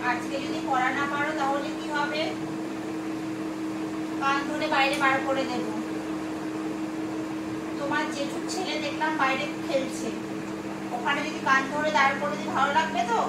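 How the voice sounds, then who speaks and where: A woman's voice: high voice, little pitch movement, unhurried, long pauses, pitched below the performer's own voice. Woman acting as a strict tutor lady, nagging and lecturing, sounds far from the mic in an echoey room. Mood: stern. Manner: scolding, lecturing. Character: strict scolding female home tutor. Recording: roomy, off-mic, loud background noise.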